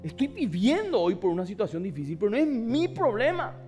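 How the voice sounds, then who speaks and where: Pastor, very high voice, fiery sermon swinging between shouts and hushed asides, faint music underneath. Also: male voice, big pitch swings, fairly quick. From Paraguay. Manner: passionate preaching with sudden shouts and hushed asides; acts out voices of the people in the story.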